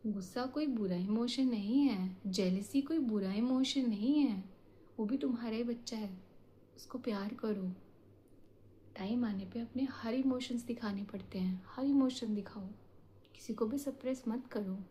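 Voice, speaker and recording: A woman's voice: fairly high pitch, unhurried, dark tone, slight background noise. A woman giving a heartfelt motivational talk, mixing Hindi and English, coaxing and intimate, often dropping to a whisper. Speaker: motivational speaker.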